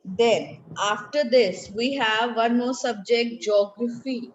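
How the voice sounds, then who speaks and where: A woman's voice: fairly high pitch, slow pace, slight background noise. A woman teacher giving an online class, patiently saying words for her pupils to repeat. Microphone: laptop mic on a video call. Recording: roomy lo-fi video call audio.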